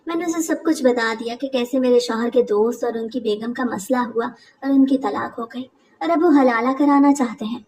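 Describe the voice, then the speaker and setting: A woman narrating a first-person family story in a steady, confiding way. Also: on the high side, moderate pace, recorded from a distance.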